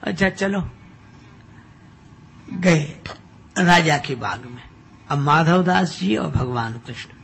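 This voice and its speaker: An older man giving a humorous devotional discourse, telling a story and acting out its characters' dialogue with shifting loudness. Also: fairly high pitch, animated, slow, creaky, long pauses, slight background noise. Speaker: spiritual discourse speaker.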